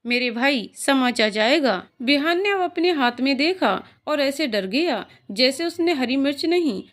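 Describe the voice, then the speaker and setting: A woman narrating a scripted emotional story in a calm, even storytelling manner. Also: sits high.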